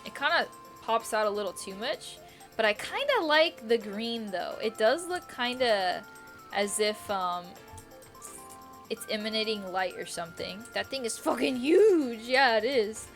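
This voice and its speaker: Quiet music plays behind a woman streaming a game live, her voice a little high, expressive, and a little slow. She muses aloud casually, rambles, wavers over decisions, and says things more than once.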